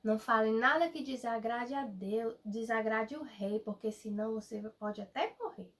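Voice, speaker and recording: A woman's voice: fairly high pitch, moderate pace, lightly acted. A woman voicing a male royal messenger who warns urgently, in a children's Bible story. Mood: warning.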